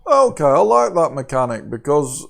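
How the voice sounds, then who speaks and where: A man's voice: a little high, big pitch swings, normal speed, vocal fry. A man playing a tabletop role-playing game, chatting casually and eagerly agreeing with the rules. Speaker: player.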